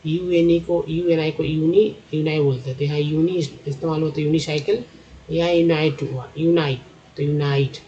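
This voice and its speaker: A man's voice: on the high side, fairly even intonation, moderate pace, warm tone. Male phonics teacher on a dull lo-fi recording; patient, spells out each letter group, then sounds out words. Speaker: English teacher. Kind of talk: phonics lesson over slides.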